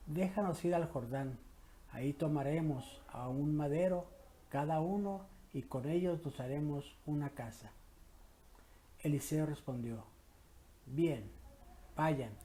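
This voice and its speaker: A man with a Mexican Spanish accent, a parish priest greeting the faithful, leading prayer and reading scripture in a slow, measured, solemn way. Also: a little high, mellow.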